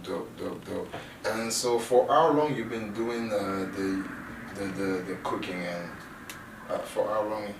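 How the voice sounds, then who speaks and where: Low-voiced host in an echoey room. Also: male voice. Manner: halting questions, fillers, says "dope". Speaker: radio show host. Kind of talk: casual interview. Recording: roomy, distant from mic, faint noise.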